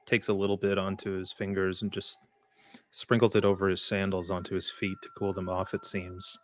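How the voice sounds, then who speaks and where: A man narrating a tabletop game as game master, deliberate and dramatic, pausing between short descriptive phrases. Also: deep voice, completely flat delivery.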